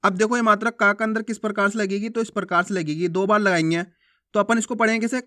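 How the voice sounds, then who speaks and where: A man teaching a friendly alphabet lesson, asking the viewer questions and repeating each sound slowly and drawn out. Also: high-pitched, fairly even intonation, bright, forceful tone.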